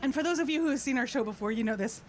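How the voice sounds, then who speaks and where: This throat singer talks rapid-fire in a high voice, joking with the crowd and instructing them informally from an outdoor festival stage. Clear background noise comes through the live outdoor sound.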